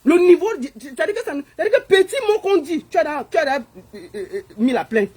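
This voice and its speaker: A woman with a Cameroonian French accent giving an animated, scolding opinion monologue as an online commentator. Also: sits high, fairly quick.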